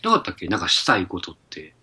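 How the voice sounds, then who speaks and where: A man's voice: low-pitched, wildly swooping pitch, rapid-fire, bright, forceful tone, breathy edge. A man co-hosting a casual talk show, easygoing and nudging the conversation along. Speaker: co-host. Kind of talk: casual chat.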